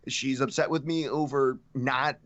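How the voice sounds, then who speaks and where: A man's voice: mid-range voice, steady tone, a little slow, a bit bright, no echo, lo-fi sound. A man co-hosting a casual podcast discussion, talking earnestly and speeding up as he makes his points. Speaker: podcast co-host.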